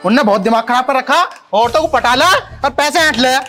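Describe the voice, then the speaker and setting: A man's voice: extremely high pitch, brisk, very noisy. An actor playing a short-tempered village husband who scolds his wife, in a comedy skit. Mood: irritable. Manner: gruff, scolding.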